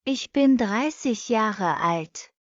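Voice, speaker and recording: Very slow woman reading practice phrases. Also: fairly high pitch, expressive, no echo. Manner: reads each sentence twice, very slowly and evenly. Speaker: language lesson reader. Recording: dull lo-fi dry recording.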